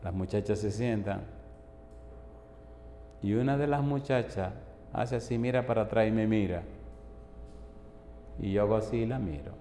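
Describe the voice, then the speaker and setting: A man's voice: lowish voice, moderate pace, pauses often, mellow. A male pastor preaching a sermon, telling a story and rising to fervent appeals. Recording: echoey hall with faint noise.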